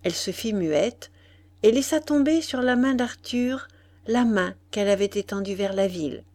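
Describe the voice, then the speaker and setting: A woman with a mid-range voice reads a classic novel aloud as an audiobook, her delivery measured and expressive.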